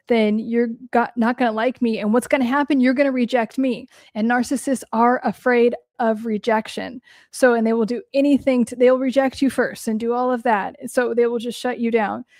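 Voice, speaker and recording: With a fairly high, darkish voice, a young woman therapist hosts a casual livestream, swearing freely and talking bluntly as she answers viewer questions. A long day of talking makes her voice crack a little; the audio is studio quality with no room sound.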